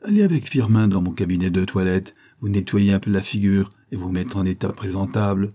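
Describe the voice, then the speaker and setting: A man voicing a calm, firm police inspector who speaks with quiet authority. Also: low voice, fairly quick. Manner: firm, reasonable, commanding.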